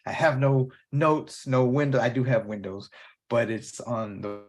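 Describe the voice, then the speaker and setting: A man hosts a movie podcast by himself, speaking off the cuff in a medium-pitched voice at a slightly slow pace. He rambles casually, jumps between thoughts, and swears freely throughout his unscripted solo talk.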